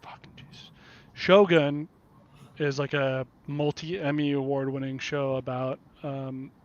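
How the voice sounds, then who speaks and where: A podcast host from the Kansas City area, USA, runs a casual chat, blunt and profane and laughing often. His medium-pitched voice is level and unhurried, recorded with a dull, lo-fi, dry sound.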